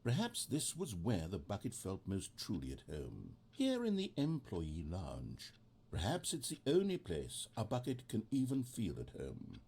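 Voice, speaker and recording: A man playing a wry storybook narrator in a video game, with measured, theatrical scripted delivery. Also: fairly low pitch, huge pitch swings, creaky, darkish tone, breathy edge, heavily acted. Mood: mock earnest.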